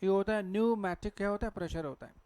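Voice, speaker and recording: High-voiced Hindi-accented man teaching. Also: fast, a little mellow, smooth, no echo. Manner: asks the class questions and answers them himself. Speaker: English teacher. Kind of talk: classroom lecture on pronunciation. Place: classroom with a board.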